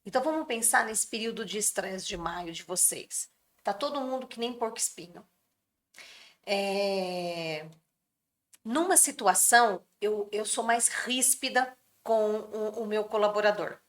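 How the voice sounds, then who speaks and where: A woman whose first language is Brazilian Portuguese appears as a podcast guest, earnestly explaining workplace mental health and sometimes acting out what people say. Her voice is mid-range and unhurried, in an explanatory conversation.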